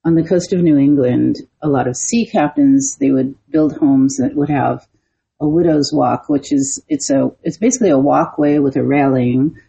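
Raspy low woman podcast co-host. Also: normal speed, warm tone. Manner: chatty, explains lore, backchannels a lot. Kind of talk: casual storytelling chat. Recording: muffled lo-fi podcast audio.

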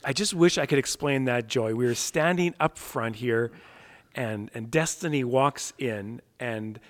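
A man interviewing a guest in a casual chat, affirming and warm, growing lively when he recalls events. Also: medium pitch, a little slow. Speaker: interviewer, pastor.

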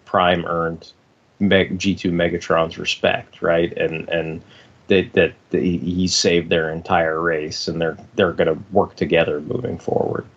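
A man's voice: sits low, little pitch movement, measured pace. A man co-hosting a casual fan discussion, rambling and circling back to rephrase his points. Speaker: podcast co-host. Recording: slightly dull, lo-fi podcast audio.

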